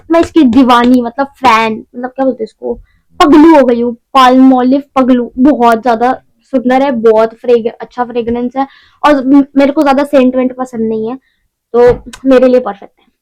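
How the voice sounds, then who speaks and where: Young woman, high voice, chatty haul vlog, rambling, self-mocking. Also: low-quality recording. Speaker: beauty vlogger. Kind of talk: casual shopping haul vlog.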